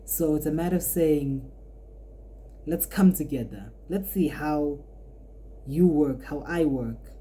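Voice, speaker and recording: A twenty-year-old art student hosts a casual podcast monologue, her low, mellow voice taking things slowly with frequent pauses. She muses aloud in a rambling, reflective way, often restarting her thoughts.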